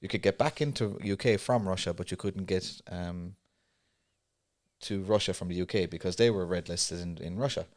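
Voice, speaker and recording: Guy co-hosting a podcast, deep voice, casual chatty talk, stumbles and repeats himself. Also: moderate pace. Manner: chatty, repeats words when starting sentences. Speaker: podcast co-host. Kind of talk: casual chat.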